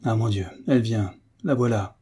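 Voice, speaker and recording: A man's voice: lowish voice, moderate pace, mellow. A man reading aloud as an old retired sailor, a blustering uncle who flinches at his housekeeper. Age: older. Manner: gruff and bluster, easily cowed.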